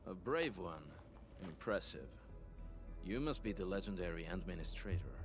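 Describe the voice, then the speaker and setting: A man voicing a composed, courteous soldier in a video game, speaking formally and in a measured way. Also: low voice, expressive, music in the background.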